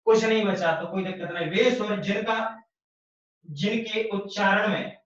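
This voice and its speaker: A man's voice: high-pitched, fairly even intonation, moderate pace. A man teaching an online Hindi grammar lesson, explaining patiently, repeating key phrases and answering his own questions. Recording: distant, dull, very echoey room.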